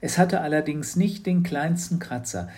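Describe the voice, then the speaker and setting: A man's voice: a little high, moderate pace, pitched above the performer's own voice, lightly acted. Man doing a kindly, dreamy older shopkeeper woman. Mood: gentle. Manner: gentle, musing.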